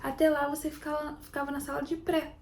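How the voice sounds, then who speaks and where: A young woman from Brazil telling her own story in a chatty, animated vlog, often calling out to her viewers. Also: high-pitched, fast talker, a little hiss or hum. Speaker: vlogger. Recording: echoey room.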